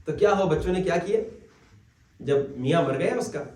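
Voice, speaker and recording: A man's voice: a little high, animated, a little mellow. A male Islamic cleric giving a religious lecture, telling stories and acting out the voices of the people in them. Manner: storytelling, acts out quoted voices. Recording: echoey hall, mic at a distance.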